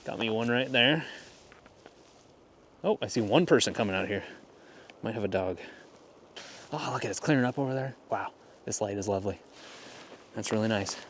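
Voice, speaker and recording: A man's voice: lowish voice, normal speed, pauses often. A man doing a casual walk-and-talk photography vlog out in the cold by a frozen lake, thinking aloud in easygoing muttered asides. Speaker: photography vlogger. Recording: noisy outdoor wind and ambience. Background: clear outdoor ambient noise.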